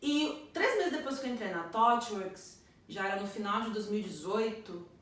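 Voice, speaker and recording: A woman's voice: medium pitch, lively intonation, moderate pace, a bit bright. A woman in her thirties from Northeast Brazil, giving an earnest, reflective personal testimonial about her career in computing. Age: 30s. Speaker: computer science graduate. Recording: echoey room, distant mic.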